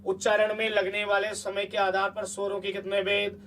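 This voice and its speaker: A man's voice: high voice, monotone, normal speed, fairly bright tone, distant mic, slight background noise. A man teaching a grammar lesson for exam students, chatty and coaxing, often stopping to check that the class follows.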